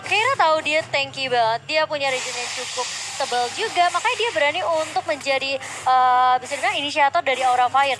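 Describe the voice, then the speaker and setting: A woman with an Indonesian accent giving excited, chatty and emphatic game analysis as an esports co-caster. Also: sits high. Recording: very loud background noise.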